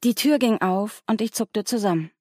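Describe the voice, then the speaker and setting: A woman reading a first-person audiobook in a composed, even way. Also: mid-range voice, normal speed, no echo, studio quality. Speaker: audiobook narrator.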